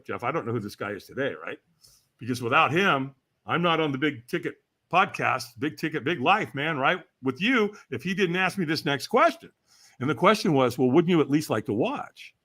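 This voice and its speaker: As a guest on a podcast, a man in his sixties from California spins an animated story, mimicking the people he quotes and laughing as he goes. He speaks at a moderate pace in an expressive mid-range voice that sounds pushed and bright.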